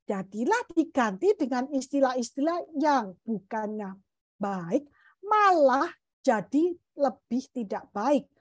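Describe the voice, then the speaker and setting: A middle-aged woman leads a parenting seminar in a high voice that swings widely in pitch. She talks casually and expressively, turning often to her listeners. The sound is dry and close, with little room echo. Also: takes it slowly. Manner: expressive, addresses the audience directly. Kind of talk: informal talk to parents.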